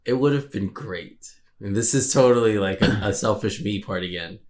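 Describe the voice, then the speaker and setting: A man with a somewhat low voice chats about a movie with his co-host. He is hesitant, often stopping to correct himself mid-thought. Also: moderate pace, a little mellow. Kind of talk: casual film review chat.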